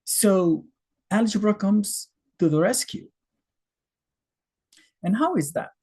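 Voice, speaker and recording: A high, expressive voice, slow and a little mellow with slight roughness, belongs to an Egyptian man in his fifties. A native Arabic speaker with an Egyptian accent, he teaches beginner math casually and conversationally, using fillers and rhetorical questions.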